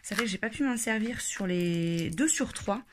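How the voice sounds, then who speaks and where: A woman's voice: medium pitch, animated, normal speed, a little hiss or hum. A woman chatting casually through a craft shopping haul, with many hesitations. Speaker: craft vlogger.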